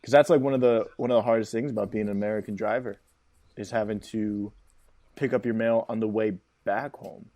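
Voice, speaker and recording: Mellow low-voiced guy, deadpan podcast jokes, dry close sound. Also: brisk, dry recording. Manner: dry, joking, deadpan asides. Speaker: podcast co-host. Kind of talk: casual chat.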